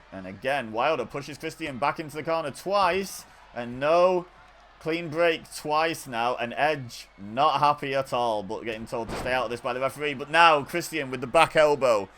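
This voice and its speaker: A man calling wrestling video game action play-by-play in a chatty, excitable way, often correcting himself. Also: medium pitch, slight background noise. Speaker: gaming video host. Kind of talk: play-by-play commentary over video game footage.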